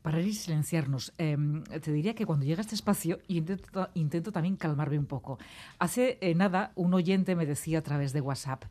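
A woman hosting a radio show, who talks fast in a lively, chatty way. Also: low-pitched. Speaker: radio host. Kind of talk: casual radio chat. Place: radio studio.

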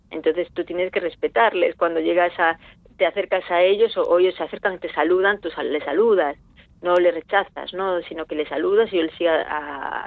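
A woman's voice: lowish voice, no room sound. Woman on a tinny phone line. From Spain. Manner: reflective, searching for words. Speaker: veterinarian at a chimpanzee sanctuary. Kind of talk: interview answers.

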